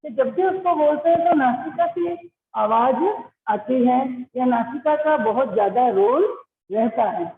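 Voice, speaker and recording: High-voiced woman teaching over a tinny line. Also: animated, unhurried. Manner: explains patiently, asks pupils questions, calls them beta. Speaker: Hindi teacher. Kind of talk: online class lesson. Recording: echoey, phone-like online class audio.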